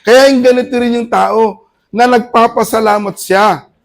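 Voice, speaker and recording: A middle-aged Filipino pastor preaching a conversational sermon, swinging between loud praise and hushed asides. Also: male voice, extremely high pitch, fairly even intonation, measured pace. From Philippines.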